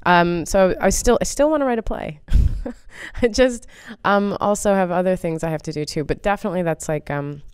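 A woman's voice: fairly low pitch, moderate pace, clean tone, dry recording, studio quality. An American woman comedian chatting casually as an interview guest, rambling and self-deprecating with plenty of fillers. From United States.

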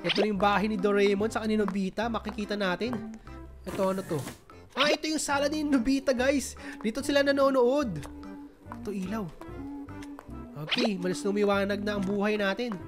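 A Filipino woman with a stuffy, nasal voice chatting through a horror game, reading game text aloud and shrieking when startled, with loud game music behind her. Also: medium pitch, normal speed. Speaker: gaming streamer. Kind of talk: casual horror game commentary.

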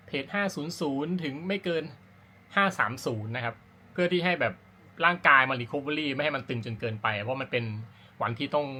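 An amateur running vlogger with a medium-pitched, sharp-toned voice talks casually to camera about his personal routine. His explanation is informal and rambling, full of self-corrections.

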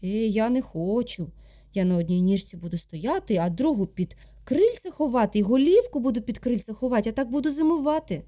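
A noisy, pushy male drake from a folk tale, loud and demanding in a high, bouncing voice, put on by a woman reader. His pitch leaps around with every word. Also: expressive, fairly quick, close to an everyday voice. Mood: dismissive.

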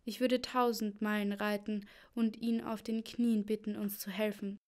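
A woman's voice: medium pitch, little pitch movement, normal speed, darkish tone, lightly acted. A woman voicing a clever, loyal lady's maid who speaks grimly and earnestly. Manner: grim, earnest.

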